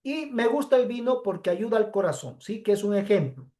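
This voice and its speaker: A woman's voice: medium pitch, expressive, warm tone. A woman teacher giving a pre-recorded class lecture, explaining step by step and checking in with her students as she goes. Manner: slow, explanatory, frequent checking "¿sí?".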